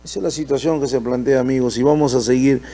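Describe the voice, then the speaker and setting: Gravelly, indignant Peruvian TV host. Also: male voice, medium pitch, steady tone, quick pace, mellow. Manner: indignant, rhetorical questions. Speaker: TV opinion host. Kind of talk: political commentary.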